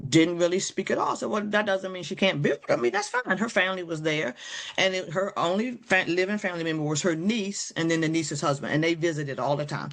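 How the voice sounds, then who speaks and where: A middle-aged woman telling stories in a podcast conversation, lively, acting out other people's voices and laughing often. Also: deep voice. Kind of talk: animated storytelling in a podcast chat.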